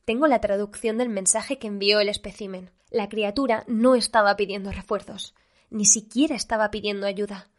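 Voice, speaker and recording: A woman's voice: medium pitch, fairly even intonation, normal speed, lightly acted. A woman voicing a young female translator who talks urgently and breathlessly. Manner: breathless, pleading.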